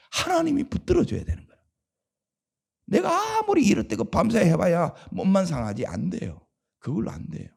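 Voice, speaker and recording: Gravelly Korean pastor preaching dramatically. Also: male voice, medium pitch. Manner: preaching with rhetorical questions to the congregation; swings between loud exclamations and hushed asides. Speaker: senior pastor. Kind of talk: dawn revival sermon.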